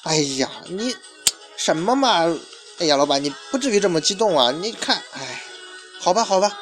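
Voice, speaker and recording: A man's voice: high voice, lively intonation, normal speed, over music. A man voicing a pushy young male sneaker collector who pleads and sucks up to a shopkeeper, in a storytelling retelling. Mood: chummy. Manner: pleading, chummy.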